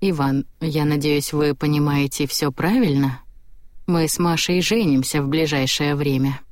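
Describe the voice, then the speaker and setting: A woman voicing an adult man, the heroine's fiancé, speaking calmly and evenly. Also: sits low, moderate pace, no echo, studio quality, close to an everyday voice. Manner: calm, even delivery.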